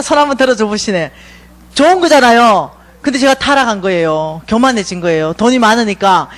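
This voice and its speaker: A middle-aged woman speaks. Her voice sits high and swings widely. She tells stories in a playful way at a church revival talk. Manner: lively, playful storytelling with acted quotes.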